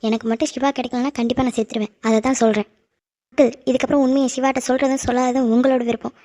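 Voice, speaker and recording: A woman's voice: sits high, little pitch movement, very fast, mellow, natural voice. A woman voicing a menacing obsessive young woman. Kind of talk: cartoon voice acting.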